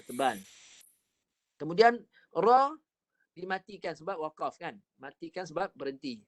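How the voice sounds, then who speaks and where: Slightly high-voiced Malaysian Quran teacher. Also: male voice, expressive, dry recording, clean studio sound. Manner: patient, repeats and drills letter sounds slowly. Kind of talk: online recitation lesson. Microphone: online class call.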